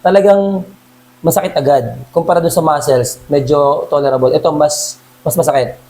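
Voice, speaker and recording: A man working as a massage therapist, talking a client through a treatment in a calm, reassuring way and calling him sir at every turn. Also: on the high side, normal speed, slight background noise, rough recording. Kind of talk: casual instruction during a hands-on treatment.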